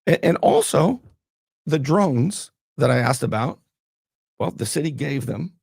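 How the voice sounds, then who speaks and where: A man's voice: fairly high pitch, animated, a little slow, creaky, darkish tone, slightly rough, no room sound, clean studio sound. A man hosting a talk show, getting fired up and blunt as he questions his guest. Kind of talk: heated political interview.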